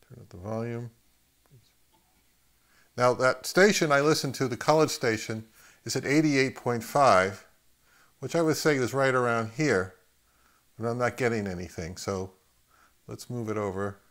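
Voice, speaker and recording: The host of an audio gear review channel, a middle-aged man, gives a casual, unscripted demonstration, thinking aloud in halting phrases while handling the equipment. His voice is medium-pitched and a bit bright.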